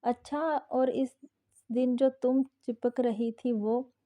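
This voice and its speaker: A woman's voice: on the high side, little pitch movement, slow pace, mellow. A woman voicing a teasing, easily exasperated young husband.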